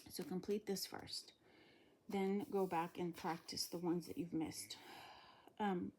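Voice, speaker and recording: A woman's voice: lowish voice, steady tone, takes it slowly, darkish tone, slight background noise. A woman reading a math lesson aloud to a child and explaining each step in a casual, patient way, a little out of breath. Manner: casual, explains steps patiently, trails off mid-sentence. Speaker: homeschool teacher.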